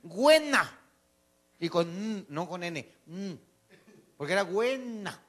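A man's voice: high voice, lively intonation, a little slow. A man with a Mexican accent telling crude jokes on stage, laughing at his own lines and slipping into drunk voices. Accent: Mexican Spanish. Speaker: stand-up comedian. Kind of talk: stand-up joke telling.

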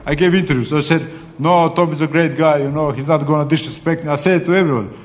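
Combative boxer in an echoey hall. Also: male voice, fairly high pitch, fast. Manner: combative, swearing, keeps saying "brother". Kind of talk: heated press conference. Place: press conference room.

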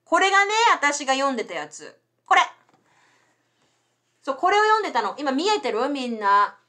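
A middle-aged woman hosts a chatty bilingual livestream lesson into a desk mic. Her fairly high voice swings widely in pitch as she quizzes herself on each phrase. She reads the English sentences slowly and carefully before unpacking them in Japanese. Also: very animated, bright, forceful tone. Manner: explains English phrases in Japanese, asks and answers her own quiz questions. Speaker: English teacher and livestream host.

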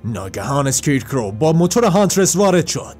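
A man narrating a recap of a comic book in a plain, steady storytelling manner. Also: a little high, faint music behind.

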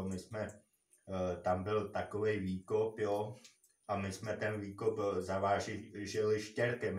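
A man vlogger telling a personal work story in a rambling, repetitive way, full of filler words. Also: lowish voice. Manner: rambling, repeats himself, many filler words. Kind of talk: casual storytelling. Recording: roomy and distant from mic.

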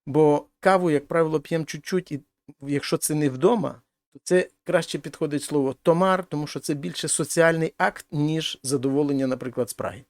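A Spanish teacher with a fairly high male voice talks fairly quickly, walking through grammar step by step and translating every example sentence. The recording has no echo.

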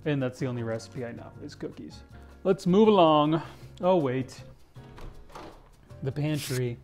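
Young male vlogger, mellow tone, joking house tour, faint music under. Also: fairly high pitch, animated, a little slow. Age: young adult. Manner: playful, jokey, says "dude" often. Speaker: English teacher vlogger. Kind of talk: casual house-tour vlog. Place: kitchen of a large house, indoors. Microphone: handheld camera, selfie framing.

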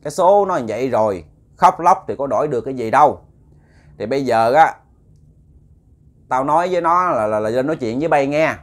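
A stern old woman's spirit speaks through a possessed woman in a storytelling tale, as a male narrator puts her on. She scolds bluntly and loudly, with a Southern Vietnamese accent and a voice pitched higher than the teller's own. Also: lively intonation, fairly quick, pauses often, natural voice.

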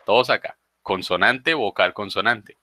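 A man teaches an online class, patiently breaking grammar rules into small steps. His voice is bright and sharp, and the sound is dry and close with no room around it. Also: on the low side, normal speed, no echo. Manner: patient, explains step by step.

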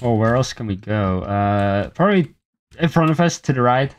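A man giving casual gameplay commentary at home on a desk mic, mumbling and unhurried, with lots of ums and little laughs. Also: medium pitch, lively intonation. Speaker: gameplay video host. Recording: faint game music behind.

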